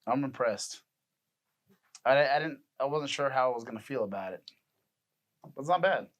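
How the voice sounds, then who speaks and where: A man's voice: medium pitch, expressive, normal speed. Rambling laid-back man chatting. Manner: rambling, loose, laughs often. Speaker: podcast co-host. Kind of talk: casual chat.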